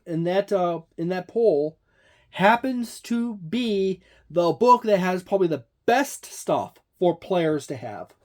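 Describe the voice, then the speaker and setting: A tabletop gaming channel host talks loosely through a book, one page after another, pointing things out and leaning on lots of fillers. It's a casual walkthrough in a medium-pitched, darkish voice.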